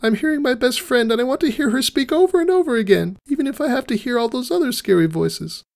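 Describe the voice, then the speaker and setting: A man voicing a grieving young female pony in a high, strained falsetto, tearful and pleading, in a fan fiction reading. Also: animated, quick pace, creaky, a little mellow, heavily acted.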